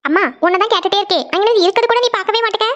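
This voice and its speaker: A woman's voice: extremely high pitch, very fast, muffled recording. A woman voicing a caring teenage daughter in a cartoon, coaxing and reassuring her mother. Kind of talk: cartoon voice acting.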